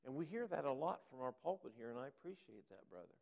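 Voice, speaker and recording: A man speaking to a church congregation as a guest speaker and author, earnest and unhurried, often pausing with ums. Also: mid-range voice, big pitch swings, vocal fry, a little mellow, big-room sound. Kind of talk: sermon. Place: church sanctuary.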